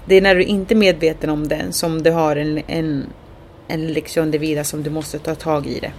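Lowish-voiced woman chatting loosely, lots of fillers, faint hiss behind. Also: little pitch movement, darkish tone. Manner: chatty, many fillers, acts out quotes. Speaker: guest telling her experience. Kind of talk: casual chat.

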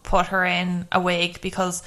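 A woman with an Irish accent giving animated, exasperated running commentary on a film in casual chat. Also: fairly low pitch, unhurried, over a noisy crowd.

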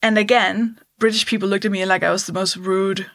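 A woman's voice: medium pitch, flat delivery, fairly quick, a bit bright. A Danish-born comedian in her thirties, chatting candidly in an interview, laughing often and putting on voices to make a point. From Denmark. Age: 30s. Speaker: comedian guest. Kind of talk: casual interview chat.

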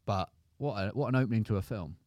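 This podcast co-host chats casually in a studio, rambling through long stories and often restarting. His voice sits lowish and darkish, his pace is quick, and the recording is muffled with no echo.

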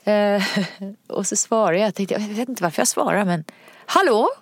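A woman's voice: medium pitch, darkish tone. A woman chatting casually as a podcast co-host, telling stories animatedly, acting out quoted voices and laughing often. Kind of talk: casual chat.

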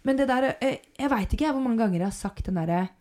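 A woman's voice: a little high, animated, darkish tone. A woman hosting a casual chat, speaking frankly and heatedly and swearing freely. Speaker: podcast host.

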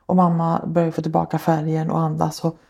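Low gravelly woman recounting her past. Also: completely flat delivery, dark tone. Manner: earnest, tells events step by step with many fillers. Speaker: guest, social worker. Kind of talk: personal account in a podcast interview.

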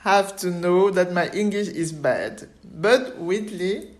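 A woman hosting a podcast interview, speaking halting English with many fillers. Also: lowish voice. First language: French. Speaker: podcast host. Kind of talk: casual interview.

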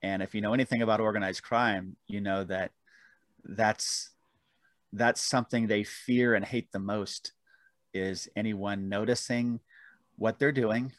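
A man's voice: lowish voice, a bit bright, no room sound. A man guest telling rambling, self-deprecating stories about his book in a casual interview, with frequent restarts. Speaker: author guest.

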